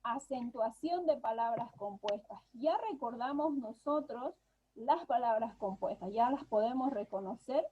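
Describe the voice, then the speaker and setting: A woman's voice: a little high, unhurried, breathy edge. A woman teacher giving an online class over a video call, explaining patiently step by step and often checking in with a questioning "right?". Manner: patient, explanatory, tags phrases with "¿no?". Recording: dull lo-fi video call audio.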